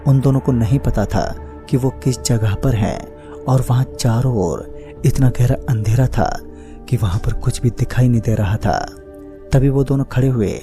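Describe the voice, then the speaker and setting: A man narrating a scripted horror story as a storyteller. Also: fairly low pitch. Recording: faint music bed under the voice. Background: faint background music.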